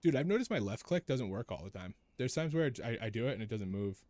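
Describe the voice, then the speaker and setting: A man's voice: medium pitch, very animated, fast talker, darkish tone, dry recording. A man streaming a video game, chatting casually as he plays and often repeating his own phrases. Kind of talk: casual live gameplay commentary.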